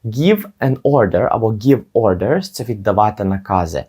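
Calm low-voiced man teaching pronunciation. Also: husky. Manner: patient, repeats each word slowly for the learner. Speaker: English teacher on his channel. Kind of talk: explaining English pronunciation.

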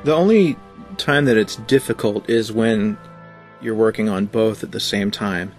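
A man being interviewed as a guest, telling stories in a rambling, animated way with lots of fillers. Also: lowish voice, unhurried, soft background music. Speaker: guest, art director. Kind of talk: casual interview.

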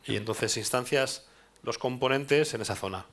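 Speaking at a tech meetup in a dark presentation hall full of people, a man in his thirties from Spain thinks out loud, restarting sentences and adding tag questions in his Spanish accent. He has a medium-pitched, slightly bright voice and a moderate pace.

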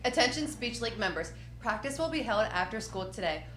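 A teenage girl reading the school's morning announcements over the intercom in a steady, clear way, with a brief giggle now and then. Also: on the high side, brisk, echoey room.

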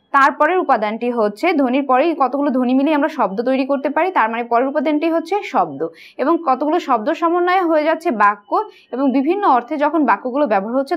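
A woman teacher patiently explaining quiz answers, asking questions and answering them herself. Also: sits high. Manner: patient, asks and answers her own questions.

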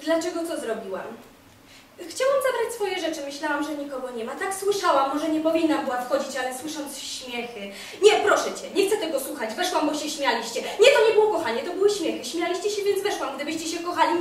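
An actress playing a bitter, volatile jilted young woman on stage, sarcastic and veering between hushed and shouted lines. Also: sits high, expressive, a little fast, a little hiss or hum. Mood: heated. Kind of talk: stage monologue. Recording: very echoey, from far off.

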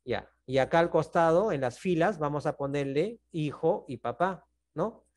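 A man with a Peruvian Spanish accent, teaching math over a video call. His voice sits a bit high. He walks through each step patiently and keeps checking that the class is following. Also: animated, moderate pace, a little mellow. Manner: patient, checks in often with "¿no?" and "¿está bien?". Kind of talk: online class explanation.

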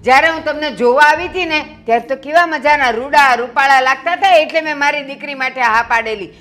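Brief: middle-aged mother-in-law, blunt and mocking, voice pitched a little high, for a film drama. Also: fairly quick, fairly bright tone, soft background music. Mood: scolding. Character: sharp-tongued mother-in-law scolding her son-in-law.

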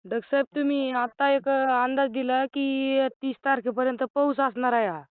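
A man's voice: extremely high pitch, fairly even intonation, moderate pace, smooth, dry recording. A man calling in over a phone line, asking polite, persistent questions. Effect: caller heard over a phone line. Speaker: caller. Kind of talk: phone call to a weather expert. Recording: tinny, dry phone line.

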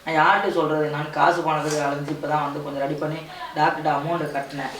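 A man's voice: on the high side, little pitch movement, fast, background noise, lightly acted. A man with a Ramnad Tamil accent playing a distressed husband who falters and keeps repeating reassurances to his wife. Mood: distressed, reassuring. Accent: southern Tamil, Ramnad. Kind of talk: amateur family drama. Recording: echoey room, mic far off.

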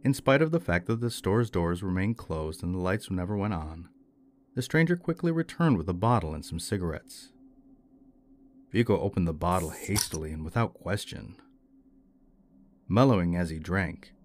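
Deep-voiced male folklore storyteller. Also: lively intonation, moderate pace, slight background noise. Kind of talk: scripted folklore narration.

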